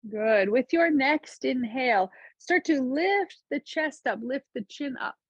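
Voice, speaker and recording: A gentle woman leads a chair yoga session, with a slightly high and soft, breathy voice. She guides the breath and movement in calm, unhurried cues. The recording is dry and a bit dull. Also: dry recording. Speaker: yoga instructor.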